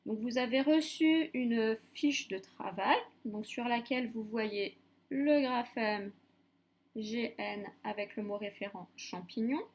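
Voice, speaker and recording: A woman teacher giving a phonics lesson to young children, dictating syllables slowly and repeating each one clearly. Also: fairly high pitch, a little mellow.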